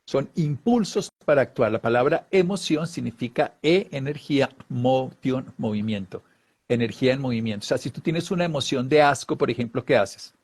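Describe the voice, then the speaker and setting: A man's voice: medium pitch, moderate pace, darkish tone. A man giving an explanatory talk on emotions, acting out little voiced examples. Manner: acts out little voiced examples, sometimes laughing. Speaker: wellness speaker.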